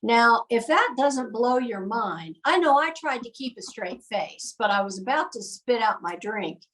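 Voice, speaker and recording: A woman, a nonprofit founder, telling lively anecdotes in casual conversation with many filler ums. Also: fairly high pitch, measured pace, recorded from a distance, rough recording. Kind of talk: conversational storytelling.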